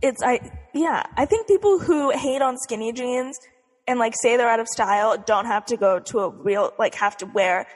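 Young woman, higher-pitched, bubbly sorority-girl chatter as a casual co-host, recorded with long echoey reverb. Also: normal speed. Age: young adult. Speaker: podcast co-host. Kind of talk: casual chat.

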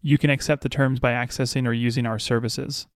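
A man narrating as a sleep story host, reading in a measured, deliberate bedtime style. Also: mid-range voice, level tone, no room sound, studio quality. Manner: measured, unhurried, deliberate phrasing.

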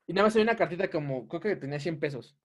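A man's voice: a little high, animated, racing, highs cut off. A young man with a Mexican Spanish accent, telling a story in a casual podcast chat and laughing often.

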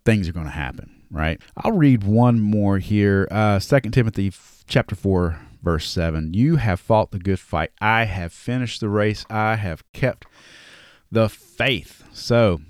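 Male host, Southern drawl, lowish voice, dry close sound, casual scripture talk. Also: expressive, unhurried, darkish tone, no echo. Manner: conversational, reads scripture aloud with restarts. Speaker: podcast host. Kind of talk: casual Bible study talk.

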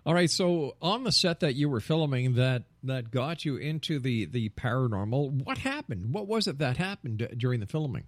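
A man's voice: medium pitch, lively intonation, moderate pace, few pauses, no room sound. A man hosting a radio show in a polished, emphatic announcer style. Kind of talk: polished broadcast introduction and interview. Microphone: close studio microphone.

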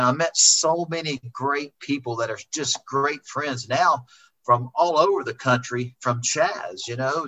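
A man's voice: mid-range voice, pushed and bright. A middle-aged man, a racing driver, rambling and repeating himself as he remembers a friend in a heartfelt conversation. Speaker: racing driver, interview guest. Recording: dull lo-fi sound.

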